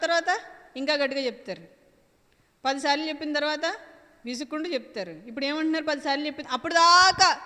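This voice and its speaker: A woman's voice: high-pitched, pushed and bright, big-room sound. A woman preacher delivering an emphatic sermon, repeating her phrases and asking and answering her own questions.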